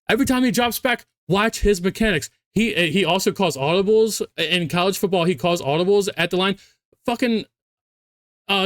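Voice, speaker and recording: A man's voice: sits high, fairly bright tone, no echo, studio quality. A drunk man on a heated, profane sports rant as a fan, hammering points home by repeating his phrases. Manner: emphatic, repeats phrases for stress.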